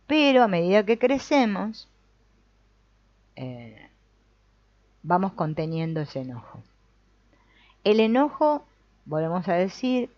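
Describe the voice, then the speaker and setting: A woman's voice: low voice, darkish tone. A woman leading a family constellations group, reading from a book and commenting reflectively, often checking in with the group. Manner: reflective, often adds a questioning "no?" or "mm?". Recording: dull lo-fi, dry sound.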